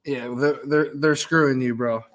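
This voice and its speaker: A man's voice: mid-range voice, steady tone, measured pace, a bit bright. A man hosting a sports betting call-in show, laid-back and casual. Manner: laid-back, says bro a lot. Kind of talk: casual chat.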